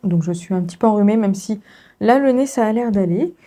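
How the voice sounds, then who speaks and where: In a relaxed vlog about books, a young woman speaks briskly in a mellow, mid-range voice. She sounds congested with a sore throat and laughs often, filling her chat with fillers.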